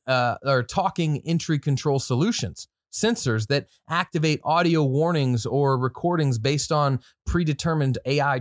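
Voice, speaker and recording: Clean studio audio without any echo carries a podcast host's higher-pitched voice. He chats casually about products, mixing informal slang into his remarks while reading some material from his notes.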